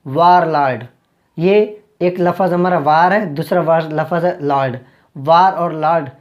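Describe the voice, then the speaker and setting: Slow, repetitive woman grammar teacher. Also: lowish voice, lo-fi sound. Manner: slow and repetitive, restating each point several times. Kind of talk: explanatory online grammar lesson.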